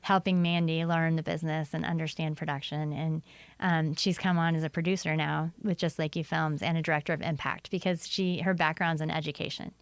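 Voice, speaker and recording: A woman guest on a podcast speaks with a smooth, clear voice pitched on the lower side. She is bubbly and enthusiastic, running her thoughts together with easy fillers. The recording is close and dry. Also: level tone, a little fast, no echo. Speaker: guest filmmaker. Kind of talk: casual interview chat.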